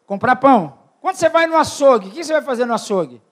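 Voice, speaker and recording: Older male preacher with a very high voice, questioning his congregation and calling for amens, moving from near-shouts to low murmurs. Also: expressive, fast. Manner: swings from loud shouted peaks to low quiet asides. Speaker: preacher at a church retreat. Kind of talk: sermon.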